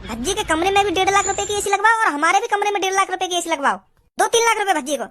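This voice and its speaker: A woman's voice: extremely high pitch, lively intonation, rapid-fire, a bit bright. A woman doing a bossy nagging cartoon mom. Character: scolding cartoon mother siding with her son. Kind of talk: cartoon voice acting.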